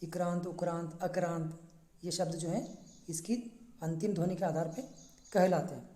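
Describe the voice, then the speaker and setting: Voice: medium pitch, steady tone, normal speed, warm tone, roomy sound. A teacher giving a classroom lesson, patiently breaking words into single letters and sounds. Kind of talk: classroom lesson, spelling out syllables.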